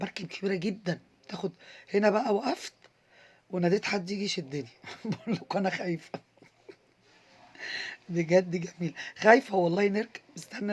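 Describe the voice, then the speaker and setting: A woman's voice: mid-range voice, a little mellow, breathy edge. A young Egyptian woman with an Egyptian Arabic accent, chatting enthusiastically to her viewers in a casual vlog voice-over. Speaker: vlogger.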